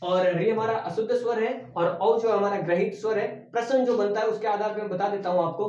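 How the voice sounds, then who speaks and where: A male teacher with a high voice gives an exam-prep lecture and keeps echoing his own questions back to the class. He sounds set back from the mic, and the recording is dull and roomy. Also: fairly even intonation, fairly quick, darkish tone. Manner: repeats key words as questions to the class. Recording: echoey room, voice from a distance, dull sound.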